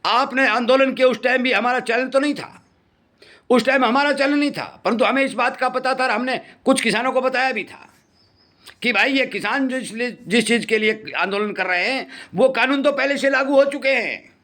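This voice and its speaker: A man's voice: very high-pitched, moderate pace, sharp tone. A middle-aged man, hosting a farming channel and warning farmers in earnest, repeating his points for emphasis. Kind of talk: impassioned commentary to farmers.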